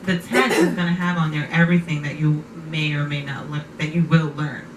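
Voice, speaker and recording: This podcast host has a low voice with fairly even intonation and a fairly quick delivery. In relaxed conversation she keeps affirming her guest and repeating what they say. Her mic sits far off in an echoey, noisy space.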